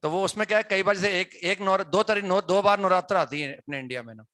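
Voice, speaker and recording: A man's voice: high voice, fast, a bit bright, no echo. A male teacher talks to his students in a classroom, explaining things conversationally and often checking whether they follow. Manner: conversational, asks students questions, frequent "है ना" tags.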